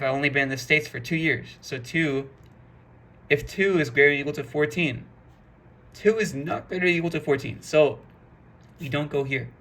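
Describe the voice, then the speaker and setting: Gravelly, bright-voiced man teaching code. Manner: chatty, talks through code step by step with fillers like "boom". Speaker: programming instructor. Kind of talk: casual screen-recorded coding lesson.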